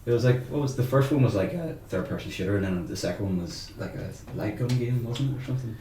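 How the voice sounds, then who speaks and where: A man's voice: medium pitch, fast. A man chatting casually as a podcast co-host. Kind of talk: casual chat. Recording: echoey room with clear noise.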